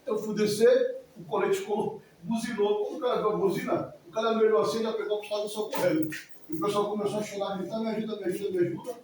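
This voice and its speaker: A man's voice: sits high, fairly even intonation, fast. A man in his forties giving an emotional, rambling testimony in church, often repeating himself. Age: 40s. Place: church hall. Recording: echoey hall from far off, faint noise.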